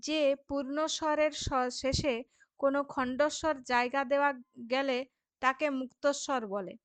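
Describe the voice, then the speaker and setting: A woman with a somewhat high voice teaches a school grammar lesson. She explains patiently, repeats each example and checks that the class is following. The sound is close and dry, with no room echo. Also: fairly even intonation, normal speed.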